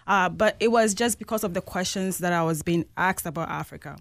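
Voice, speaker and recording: A woman's voice: fairly low pitch, fairly quick, vocal fry, no echo. A woman from Ghana, chatting enthusiastically as an author guest. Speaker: children's book author guest. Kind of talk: interview answer.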